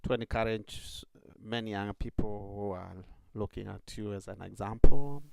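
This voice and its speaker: A man's voice: sits low, creaky, darkish tone, dry recording, clean studio sound. A man who is a priest, speaking earnestly to encourage young people, with many fillers.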